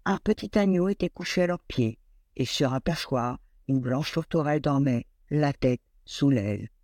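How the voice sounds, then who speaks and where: A man reading a classic fairy tale aloud in an expressive, lilting storyteller manner. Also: mid-range voice, moderate pace, no echo.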